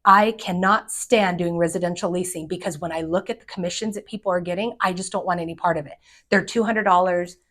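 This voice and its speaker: A middle-aged commercial real estate agent gives fellow agents direct, energetic advice, often acting out the people she quotes. Her voice is lowish and her pace fairly quick.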